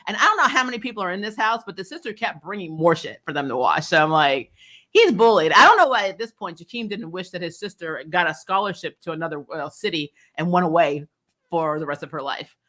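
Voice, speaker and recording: A bright-voiced, opinionated woman hosts a TV recap show, giving a casual rundown and commentary on an episode. Her pitch is fairly low and she talks fast, acting out dialogue in an animated way, chuckling often, and speaking bluntly with mild profanity.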